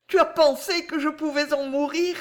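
A woman reads an audiobook in a high voice at normal speed with a steady tone, voicing a passionate young noblewoman. She pitches slightly above her own voice, staying close to an everyday sound, with a heightened, tremulous delivery full of pleading passion.

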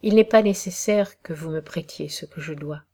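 A woman's voice: low voice, normal speed, darkish tone, husky. A woman reading as a weary, proud aging noblewoman. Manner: sighing, gloomy, resigned. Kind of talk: audiobook reading of a classic novel.

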